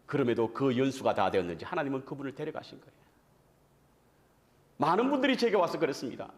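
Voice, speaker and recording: A man's voice: medium pitch, quick pace. A man preaching a revival sermon as guest preacher, in a conversational style that keeps putting questions to the congregation. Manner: animated, addresses the congregation with frequent questions; conversational, self-deprecating asides.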